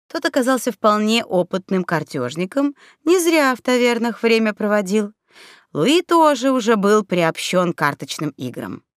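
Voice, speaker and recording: A woman narrating a fairy tale audiobook with expressive, playful storytelling on a close mic. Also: mid-range voice, dry recording.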